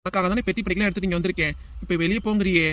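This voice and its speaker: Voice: mid-range voice, fairly even intonation, racing, fairly bright tone, dry recording, voice pushed down, close to an everyday voice. A woman voicing a grumpy but caring middle-aged father in a cartoon, with a southern Tamil accent and a grumbling way of talking. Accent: southern Tamil, Tirunelveli.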